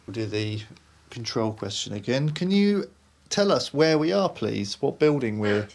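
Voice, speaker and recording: A man's voice: medium pitch, big pitch swings, unhurried. A man working as a paranormal investigator, chatting casually while trying out phone apps. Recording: clear background noise.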